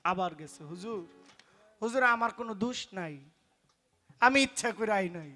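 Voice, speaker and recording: A man with a tells a religious story on stage in pala gaan style, loud and emphatic, acting out the voices of its people. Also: sits high, lively intonation, moderate pace, faint music behind. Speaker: folk singer preaching a story. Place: stage at a live folk performance.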